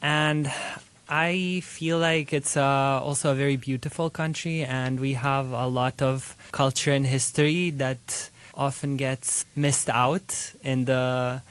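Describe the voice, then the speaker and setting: Young Serbian man, relaxed rambling talk. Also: medium pitch, slow pace, smooth. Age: 20s. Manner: relaxed, rambling with fillers and acted-out quotes. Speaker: guest student. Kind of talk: casual interview.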